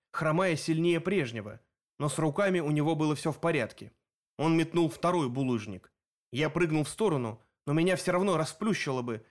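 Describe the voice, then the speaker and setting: A man reading a first-person action audiobook aloud in a steady, vivid storytelling manner. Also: fairly high pitch. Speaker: audiobook narrator. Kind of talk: first-person scripted narration.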